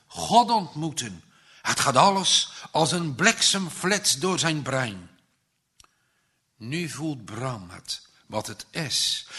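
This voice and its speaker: A man tells a moral children's story in a slow, dramatic way, his husky voice rising to bright, forceful peaks and dropping to a hush. His pitch sits fairly high for a man and moves in wide, animated sweeps. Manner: dramatic, with sudden swells and hushes.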